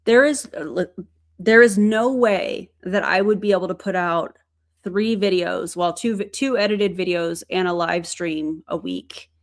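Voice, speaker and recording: A woman's voice: on the low side, a little slow. Chatty woman hosting a livestream. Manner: chatty, thanking viewers from the chat. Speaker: livestream host. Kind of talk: casual livestream chat.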